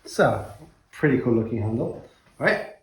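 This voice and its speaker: A man's voice: mid-range voice, lively intonation, measured pace. A man doing a casual, hands-on product review in an easygoing, joking way. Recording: roomy echo, background noise, clicks.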